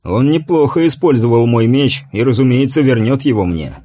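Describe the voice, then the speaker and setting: A man voicing a fierce, proud warrior king who speaks with a slow, gruff growl. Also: mid-range voice, dark tone, natural voice. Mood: magnanimous.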